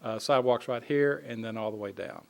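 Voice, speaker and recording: A man giving an informal spoken report at a city council meeting, pausing often on fillers and restarting phrases. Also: medium pitch, creaky, darkish tone. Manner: halting, frequent uh fillers and restarts. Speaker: city staff presenting a construction update to council.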